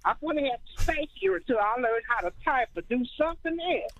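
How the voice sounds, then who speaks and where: Role: caller on a live call-in comedy show. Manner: halting, rambling speech. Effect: phone held away from the mouth, so the voice comes through faint and distant. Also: sits high, lively intonation, dry recording, highs cut off.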